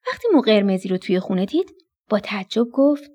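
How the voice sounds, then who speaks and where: Lively husky woman telling a bedtime story. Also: mid-range voice. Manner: affectionate and animated, addressing children. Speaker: children's radio storyteller. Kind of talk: bedtime story narration for children.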